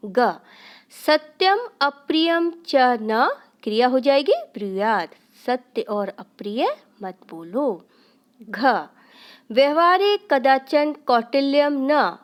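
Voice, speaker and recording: Slow, clear Sanskrit teacher, woman. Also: sits high, lively intonation. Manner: explains step by step, asks and answers her own questions. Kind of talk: recorded Sanskrit grammar lesson.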